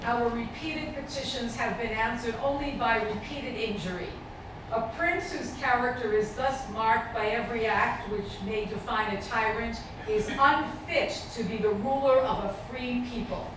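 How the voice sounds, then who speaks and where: A woman formally reciting a historical declaration in public, with stately and measured oratory. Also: fairly high pitch. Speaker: public reader at a commemorative event. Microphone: distant microphone. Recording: distant, very echoey, noisy background.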